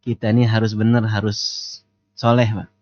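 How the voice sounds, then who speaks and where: A man's voice: fairly low pitch, normal speed. Joking man preaching, lo-fi sound. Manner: lively, joking, asks the audience questions. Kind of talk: casual sermon.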